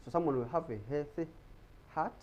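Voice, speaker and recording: A man's voice: fairly high pitch, fairly quick, muffled recording. A man giving an explanatory talk on health in a TV studio, often repeating words as he searches for them. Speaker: guest speaker on health.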